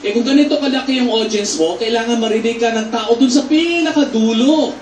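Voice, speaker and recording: A man's voice: extremely high pitch, brisk, a little hiss or hum. Man coaching voice in an echoey studio. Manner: patient, coaching, with loud demonstration shouts. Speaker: theater actor teaching voice to a child. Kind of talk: instructive voice lesson on a TV show. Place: TV studio with a live audience. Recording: echoey studio, mic some distance off.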